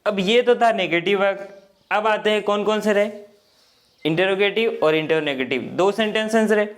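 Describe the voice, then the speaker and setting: A man teaching English grammar in Hindi, explaining step by step and often checking that students follow. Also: high-pitched. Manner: slow, repetitive explaining with frequent checks.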